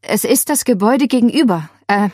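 A woman's voice: on the high side, lively intonation, fairly quick, darkish tone, no echo, clean studio sound, pitched above the performer's own voice. A woman voicing a frightened young woman who stammers and gasps through the shock of seeing a murder. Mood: frantic. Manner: breathless, stammering under shock.

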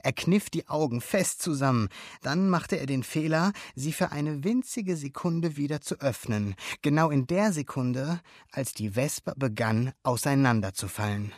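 Man reading a storybook with animated expression. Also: medium pitch, moderate pace, no room sound, studio quality. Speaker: narrator.

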